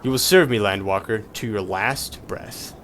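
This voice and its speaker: A man's voice: lowish voice, background noise, natural voice. Man putting on a haughty, wrathful video game goddess. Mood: vengeful. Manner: grandiose, slow, menacing. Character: haughty, wrathful goddess villain threatening mortals. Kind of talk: reading game dialogue aloud dramatically. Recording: game music behind.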